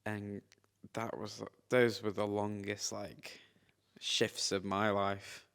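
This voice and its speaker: A young man, chatting loosely on a podcast. His voice sits low, and his stories ramble along with plenty of filler words and slang. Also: flat delivery, slow, creaky, a bit bright, clean tone. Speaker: podcast co-host. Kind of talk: casual chat.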